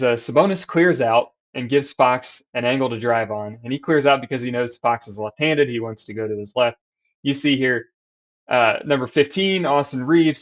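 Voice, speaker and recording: A man, a basketball coach, explaining defense in a voice-over over diagrams and game clips, with restarts as he points things out. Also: medium pitch. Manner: explanatory, restarts and fillers while drawing on screen. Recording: slightly dull lo-fi sound.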